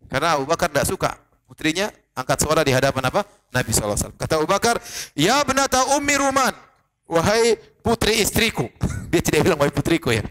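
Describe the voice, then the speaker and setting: A man giving a religious lecture as a preacher, telling stories lively, quoting Arabic and joking with the audience. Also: on the high side. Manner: lively storytelling, quotes Arabic, jokes with audience.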